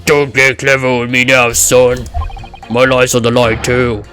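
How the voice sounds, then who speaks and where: A man voicing a gruff, defensive labourer in a video game, blunt and weary in his talk. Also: medium pitch, level tone, a little slow, a bit bright, faint music behind, natural voice. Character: gruff, hard-up working-class male labourer, defensive family man.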